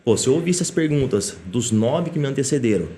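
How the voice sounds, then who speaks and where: A middle-aged man, a police chief guesting on a podcast, telling a lively story in casual chat and often tagging his sentences with little questions. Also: mid-range voice, fairly quick. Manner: lively anecdotal telling, frequent tag questions.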